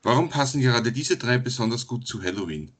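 A man hosting an interview podcast, speaking in a clear introductory manner. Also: medium pitch, lively intonation, fairly quick. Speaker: podcast host.

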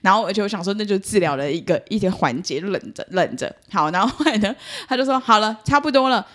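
A woman's voice: mid-range voice, quick pace. A woman co-hosting a podcast, telling a story in casual chat and acting out both sides of the conversation with laughter. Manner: animated, acts out both sides of dialogue with laughter. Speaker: podcast co-host.

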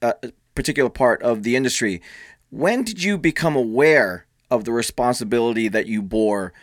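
A man's voice: mid-range voice, lively intonation, normal speed, no echo. Male moderator, polite and deferential, mid voice, dry close sound. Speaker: panel moderator. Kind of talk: panel discussion.

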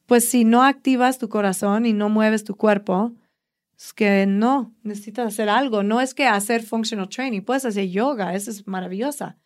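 Here is a woman fitness trainer being interviewed, and she tells her stories eagerly and with a lot of life. Her pitch sits at an ordinary middle level for a woman. She talks casually and chattily. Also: moderate pace. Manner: enthusiastic, animated storyteller.

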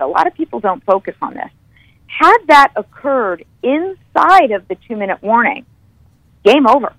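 A woman football analyst telling stories as a podcast guest, animated and stopping to correct herself. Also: medium pitch, no room sound, low-quality recording. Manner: animated storyteller, corrects herself mid-sentence. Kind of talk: podcast interview.

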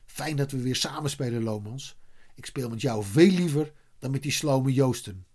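A man's voice: medium pitch, expressive, normal speed, dark tone, close to an everyday voice. A man voicing a friendly schoolboy teammate who talks in a confiding way.

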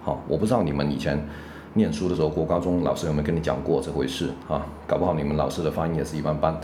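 A man with a Taiwanese Mandarin accent and a very low voice, teaching English pronunciation in a relaxed spoken lesson. He explains patiently and keeps checking in with English fillers. A faint hiss sits under the recording. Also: rapid-fire.

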